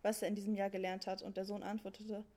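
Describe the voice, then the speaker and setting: A woman's voice: medium pitch, level tone, quick pace, mellow. Woman telling a fairy tale in slang. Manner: colloquial youth-slang narration.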